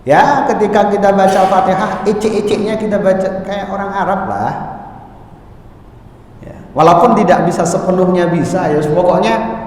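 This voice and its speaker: A man teaching Quran recitation in a mosque, moving between plain explanation and slow, melodic chanted verses. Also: high-pitched, darkish tone, a little hiss or hum. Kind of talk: religious lesson with chanted recitation. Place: large mosque hall. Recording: echoey mosque hall, mic far off.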